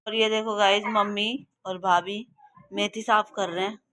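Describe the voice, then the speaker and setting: A woman's voice: mid-range voice, fairly even intonation, a little slow, a bit bright. A woman in her thirties chattily vlogging her family at home on a handheld phone, pointing out each person around her. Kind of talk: casual home vlog narration.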